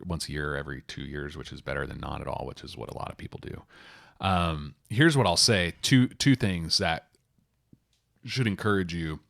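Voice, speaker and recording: Man in his thirties, very low voice, loose chatty delivery, dry close mic. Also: gravelly, a bit bright, no echo. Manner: loose and conversational, full of "like" and asides. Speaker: podcast co-host, property manager. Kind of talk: casual advice chat.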